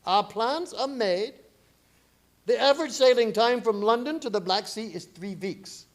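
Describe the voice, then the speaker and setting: An actor playing an intense, commanding vampire-hunting professor in a theatrical radio drama. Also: male voice, very high voice, animated, a little slow. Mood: resolute. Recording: faint music behind live-streamed performance.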